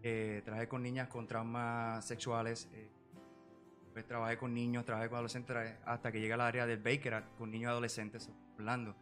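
A Puerto Rican man in his forties, a psychology professional, speaking as a podcast guest in a measured way with many filler pauses. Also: medium pitch, monotone, fairly bright tone, faint music behind. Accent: Puerto Rican Spanish. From Puerto Rico. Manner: measured, full of filler "eh" and "¿verdad?" tags. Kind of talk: podcast interview.

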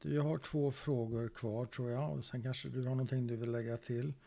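A man interviewing a guest, asking his questions softly and hesitantly. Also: mid-range voice, steady tone, gravelly.

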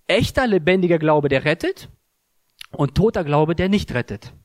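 A man's voice: a little high, lively intonation, moderate pace, a little mellow, dry recording, studio quality. A man giving an earnest, emphatic sermon, telling a story and explaining a Bible passage. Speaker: preacher.

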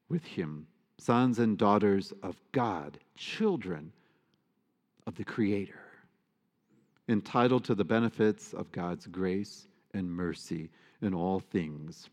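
A man's voice: sits low, darkish tone. A man, a priest, giving a sermon with earnest emphasis and playful asides. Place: church. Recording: long church reverb.

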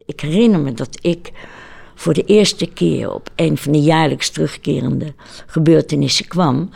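A woman in her eighties, an activist, slowly reminiscing in an interview with searching pauses. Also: deep voice, vocal fry, a little mellow, husky. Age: 80s.

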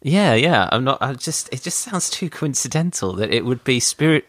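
A man's voice: medium pitch, big pitch swings, moderate pace, fairly bright tone, no echo, studio quality. A man hosting a casual chat, asking curious, probing follow-up questions.

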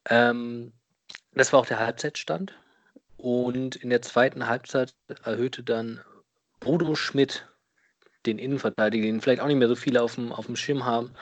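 A man speaking as a podcast guest, casually recounting things in a deliberate, somewhat hesitant way. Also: mid-range voice, dry recording. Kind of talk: casual recounting of a football match.

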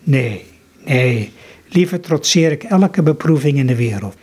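A man's voice: mid-range voice, lively intonation, measured pace, darkish tone, husky. A man reading the lines of a grieving medieval monk who tenderly takes in a baby, in an earnest read-aloud way.

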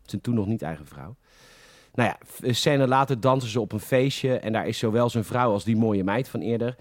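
A man's voice: mid-range voice, brisk, no room sound. Dry-sounding Dutch man retelling a film. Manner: retells scenes at length, acting out quoted lines. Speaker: podcast co-host. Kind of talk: casual film discussion.

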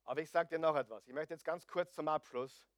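A middle-aged man preaching a sermon, joking with the congregation and swinging between loud emphasis and hushed asides. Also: fairly high pitch, fast, no room sound, clean studio sound. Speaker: pastor.

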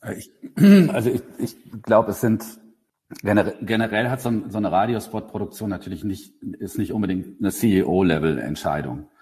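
A man's voice: on the low side, moderate pace, darkish tone, breathy edge. A man who produces radio ads, talking casually and at length in a podcast chat, with many fillers and restarts.

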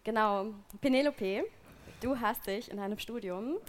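A woman's voice: on the high side, unhurried. A woman from Germany co-hosts a live podcast in front of an audience. She explains steadily and uses filler words. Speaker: podcast co-host. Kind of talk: live podcast panel hosting.

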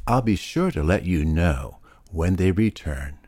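A man reading a children's story aloud to young listeners in a slow, expressive storyteller manner. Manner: slow, expressive storyteller delivery, swooping pitch.

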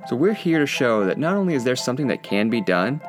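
A man reading a scripted podcast introduction as host, in an earnest, measured delivery. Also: mid-range voice, big pitch swings, over music.

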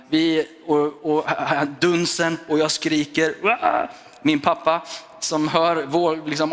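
Swedish-speaking pastor preaching in a reverberant hall. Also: male voice, mid-range voice, a bit bright. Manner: personal, storytelling preaching with English asides. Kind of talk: sermon. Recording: long reverb of a church hall.

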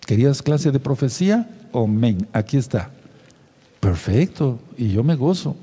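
A man's voice: medium pitch, mellow, breathy edge. A man preaching a sermon and leading the listeners through affirmations they repeat after him. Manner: leads the listeners in repeating phrases. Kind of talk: sermon with call-and-response affirmations. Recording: long hall reverb.

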